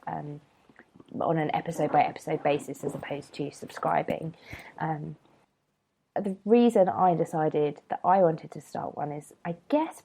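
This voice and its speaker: A woman with a low, dark voice and some vocal fry hosts a casual solo podcast. She rambles and chats with plenty of ums, sounding slightly nasal because she has a cold.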